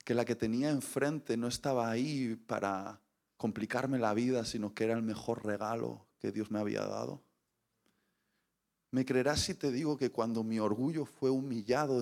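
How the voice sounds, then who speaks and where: A man, preaching a sermon as an animated storyteller who acts out scenes and voices. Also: mid-range voice, moderate pace, gravelly.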